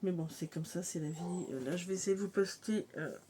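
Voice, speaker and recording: A woman's voice: lowish voice, mellow. Rambling woman vlogging with faint noise. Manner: rambling, many fillers and trailing pauses. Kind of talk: casual vlog chat. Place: mobile home on a hot day.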